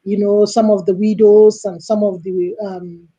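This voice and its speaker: A woman's voice: medium pitch, level tone, measured pace, dark tone, dull audio. A woman interviewed on a podcast as a foundation director, speaking earnestly with hesitant fillers.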